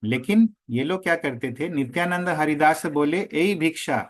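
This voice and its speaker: A man teaching a scripture class, slowly chanting verses and then explaining them line by line. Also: fairly high pitch.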